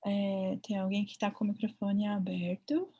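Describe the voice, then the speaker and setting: A woman's voice: medium pitch, level tone, normal speed, dark tone, muffled recording. A woman with a Brazilian Portuguese accent giving a chatty online veterinary ultrasound lecture, often acting out her own thoughts.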